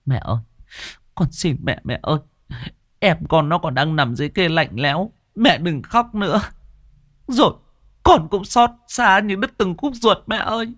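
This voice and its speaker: A man's voice: sits high, expressive, moderate pace, a bit bright, dry recording, clean studio sound, pitched above the performer's own voice. A man voicing a tearful grown daughter pleading with her grieving mother. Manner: pleading, choked.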